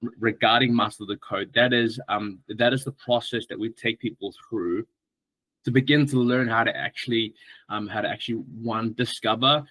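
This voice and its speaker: Bright-voiced relaxed man from Samoa. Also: medium pitch, moderate pace, no room sound, rough recording. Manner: friendly, relaxed, many fillers and restarts. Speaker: guest, strength coach. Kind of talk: casual podcast interview.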